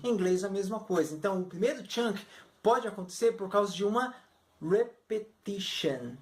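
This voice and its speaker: A Brazilian woman, a Portuguese native speaker, teaching English in a video lesson. She explains slowly and acts out short example phrases. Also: medium pitch.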